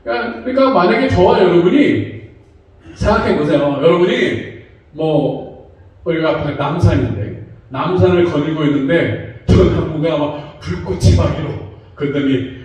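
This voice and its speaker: A man's voice: on the high side, moderate pace, a little mellow. A man preaching a sermon as pastor, talking conversationally and acting out voices in quotes. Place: church sanctuary. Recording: very echoey church hall, from far off.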